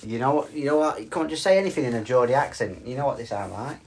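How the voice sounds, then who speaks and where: Dad hosting a chatty podcast, teasing and jokey, middle pitch. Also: male voice, lively intonation, quick pace, a little mellow, slight background noise. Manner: jokey, teasing, playfully mock-stern. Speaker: podcast co-host. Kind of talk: casual chat.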